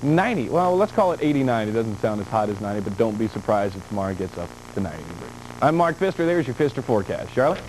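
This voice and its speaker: A man's voice: lowish voice, fast talker, hardly any pauses, darkish tone, a little hiss or hum, poor audio. A man presenting a local weather forecast with folksy, playful patter.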